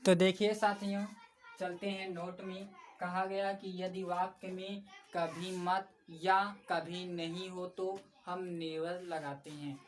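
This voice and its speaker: A woman's voice: fairly low pitch, flat delivery, takes it slowly. Patient woman teacher, distant mic. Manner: patient, repeats key points, addresses viewers as friends. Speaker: English grammar teacher. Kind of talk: explanatory classroom lesson. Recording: slightly distant mic with faint background noise.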